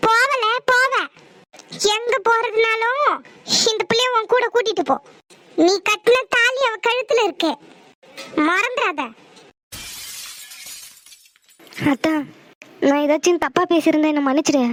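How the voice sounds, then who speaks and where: A woman voicing the village mothers and bride in an animated family drama, scolding and pleading in a dialect. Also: sits high, fairly quick, long pauses, a little hiss or hum, close to an everyday voice. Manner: scolding, rural Tamil dialect. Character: several village women: mother, mother-in-law, bride.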